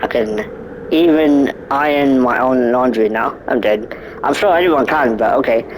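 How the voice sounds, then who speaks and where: A man's voice: mid-range voice, measured pace, noisy background. A nineteen-year-old man reading a visual novel aloud, stumbling over words and breaking off for joking asides. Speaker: gaming YouTuber.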